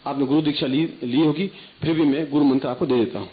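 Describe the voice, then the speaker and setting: A man's voice: a little high, fairly even intonation, fast. A man giving a spiritual discourse as guru, instructing listeners and chanting mantras rhythmically. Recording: tinny phone-like archival recording.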